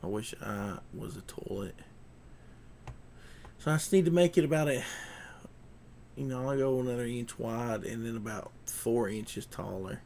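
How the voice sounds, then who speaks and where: Guy just muttering thru his work, folksy talk, gravelly fry in his voice, bit of noise n clicking behind. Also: mid-range voice, normal speed, long pauses, dark tone. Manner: muttering, thinking aloud; folksy, colloquial grammar with ain't. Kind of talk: casual chat while working at a computer.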